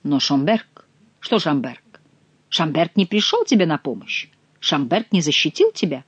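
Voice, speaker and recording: A woman reading as a quick-tempered French king who fires off commands and alarmed questions. The voice sits fairly low and sounds close and dry, with no room around it. It is a storybook reading rather than a full performance. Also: lively intonation, husky, dry recording, muffled recording. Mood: demanding. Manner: commanding, exclaiming.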